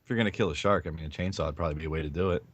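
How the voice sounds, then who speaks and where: A man's voice: extremely low pitch, rapid-fire, no echo. A man co-hosting a casual podcast, eagerly explaining with many restarts. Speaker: podcast co-host. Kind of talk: casual chat.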